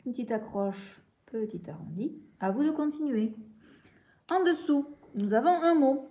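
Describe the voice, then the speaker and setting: A woman's voice: sits high, animated, unhurried, highs cut off. A young woman teaching a reading and handwriting lesson, patiently walking through sounds step by step. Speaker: primary school teacher.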